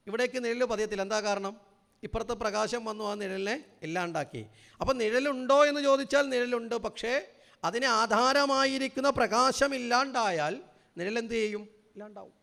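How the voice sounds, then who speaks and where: A man giving a spiritual talk to a gathering, often asking the audience questions and slowing down to stress key words. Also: very high-pitched, big-room sound. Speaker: spiritual speaker.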